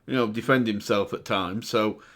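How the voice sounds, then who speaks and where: A man's voice: lowish voice, moderate pace, a bit bright. A man hosting a reaction video, chatting casually and breaking down rap lyrics with plenty of fillers. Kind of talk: casual commentary reacting to music.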